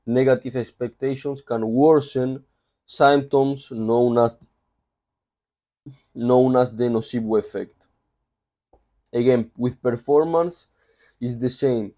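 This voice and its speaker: A warm, medium-pitched male voice with a Spanish accent belongs to a reviewer from Spain. He summarizes a book in a relaxed, chatty way, full of side remarks.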